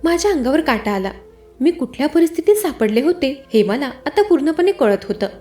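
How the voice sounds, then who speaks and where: A woman's voice: high voice, big pitch swings, fairly quick, mellow, faint music behind. A woman telling a first-person story, voicing each character's lines herself.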